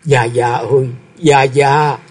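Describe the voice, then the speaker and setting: A man's voice: medium pitch, expressive, normal speed, husky. A man voicing a loyal, emotional young male sworn son who speaks in an earnest, pleading way.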